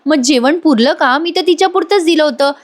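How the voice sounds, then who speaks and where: A woman's voice: high-pitched, brisk, voice pushed up, natural voice. Woman reading out a teasing young wife. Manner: playful teasing.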